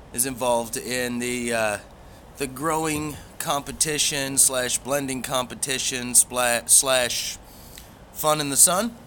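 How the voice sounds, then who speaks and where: A man with a bright, forward voice chats casually as if to online regulars. He rambles along in an easygoing, folksy way. There is some faint background noise behind him. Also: medium pitch. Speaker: pipe hobby vlogger. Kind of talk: casual livestream chat.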